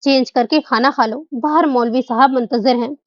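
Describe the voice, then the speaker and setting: A man's voice: very high-pitched, steady tone, normal speed, no room sound. Cold, curt young man, read by a woman narrator; dull recording. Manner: blunt, curt.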